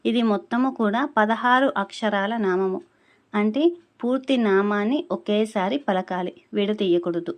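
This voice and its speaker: Woman teaching a chant, slow and careful. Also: medium pitch. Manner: slow, carefully drawn-out syllables when demonstrating; patient explaining tone. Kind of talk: spoken lesson on pronouncing a chant.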